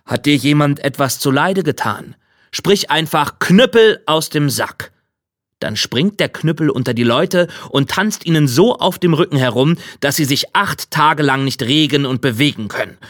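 A man voicing a calm, wise older master craftsman in a fairy tale. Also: on the high side, moderate pace, dry recording, studio quality. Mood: instructive.

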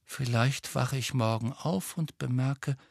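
A man voicing a tired, gloomy teenage girl in a storybook, speaking quietly and wearily. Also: medium pitch, unhurried, gravelly, no room sound, clean studio sound, voice pushed up. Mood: weary.

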